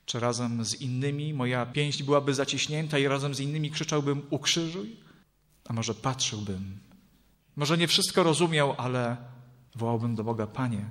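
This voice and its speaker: A man reading Scripture and preaching in a solemn, measured way, with dramatic rises in his voice. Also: mid-range voice, a bit bright. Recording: long hall reverb.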